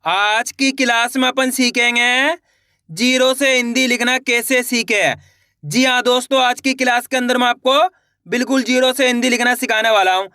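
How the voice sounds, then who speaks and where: Teaching beginners to write Hindi aloud, a male instructor speaks in a bright, crisp, very high voice with fairly even intonation. He works through the material by asking questions and answering them himself, slowly elongating his words, captured in a dry, close recording free of room sound.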